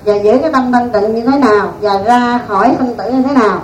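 Nun giving a dharma talk, high voice, folksy, echoey room, mic far off. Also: female voice, a little fast. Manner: folksy, animated storytelling with laughs. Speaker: Buddhist nun teacher. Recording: echoey room, distant mic, faint noise.

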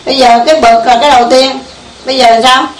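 A woman's voice: high-pitched, fairly even intonation, fast talker. A woman with a Southern Vietnamese accent giving an informal Buddhist meditation talk to a group, conversational and often asking her listeners questions. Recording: echoey room, mic far off, faint hiss.

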